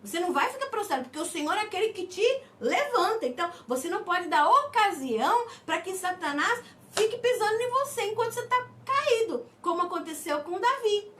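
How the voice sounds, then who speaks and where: A woman pastor preaches a sermon, slowing down on key words and asking the congregation for amens. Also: sits high, a bit bright. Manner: preaching with slow emphatic stresses and calls of amen. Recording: mic somewhat distant, faint background noise.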